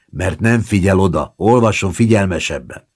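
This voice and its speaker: A man's voice: low voice, a little mellow, slightly rough, voice pushed up. A man voicing a cocky, tipsy young writer who brushes off his grandmother, in an audiobook reading. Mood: brushing off. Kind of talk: audiobook character voice.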